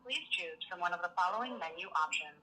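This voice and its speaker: A woman reading formal phone menu prompts as a recorded phone message, measured and even. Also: lowish voice, rough recording. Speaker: automated phone line announcer.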